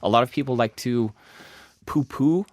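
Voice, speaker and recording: A man hosting a science podcast, explaining the news in a casual, animated way with lots of asides and emphasis. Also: medium pitch, normal speed, no room sound, studio quality. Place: studio.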